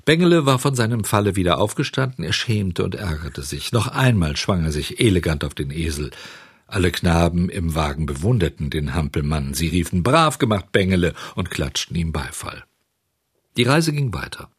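A man reading a children's storybook aloud in a lively, expressive way. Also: deep voice, moderate pace, slightly rough, no echo, clean studio sound. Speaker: narrator.

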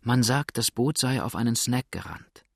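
A man reading an old, kindly traveller in an audiobook, speaking calmly and reassuringly. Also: medium pitch, moderate pace, creaky, husky, no echo, clean studio sound. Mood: grave. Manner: calm and reassuring.

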